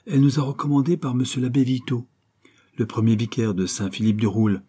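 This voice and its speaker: A man reading aloud who voices an affectionate young girl, gentle and pleading in a storybook. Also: medium pitch, fairly even intonation, brisk, husky, close to an everyday voice. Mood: earnest.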